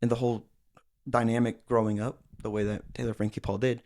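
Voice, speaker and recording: A young adult man hosting a solo commentary podcast, animated and sarcastic, slipping into mocking impressions. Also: mid-range voice, a little fast. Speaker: host.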